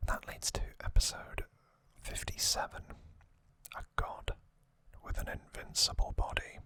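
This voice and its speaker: With a sharp tone, a man hosting an ASMR video whispers a casual recap, breathy and unvoiced. His delivery is intimate and full of pauses.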